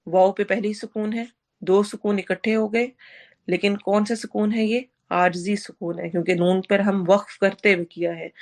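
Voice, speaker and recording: A woman's voice: mid-range voice, a little mellow. A woman teaching a tajweed lesson. She explains rules step by step, drags out recited words syllable by syllable, and puts questions to the class that she then answers herself.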